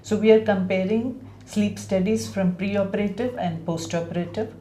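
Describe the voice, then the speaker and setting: A woman's voice: mid-range voice, steady tone, moderate pace, dark tone, slight background noise. A woman doctor explaining a patient's treatment to camera in a clinical, explanatory way. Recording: echoey room.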